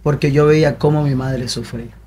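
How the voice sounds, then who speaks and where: A man's voice: medium pitch, steady tone, a little fast, mellow, husky. A young man giving an emotional personal testimony with a repetitive, preacher-like cadence.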